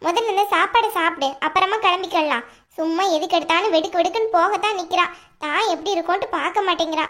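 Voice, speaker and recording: A bossy older aunt in a cartoon, voiced by a woman, scolding and fussing in a very high, piercing voice. She gives orders and nags without pause. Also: a bit bright. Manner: scolding, nagging, commanding. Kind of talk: cartoon voice acting.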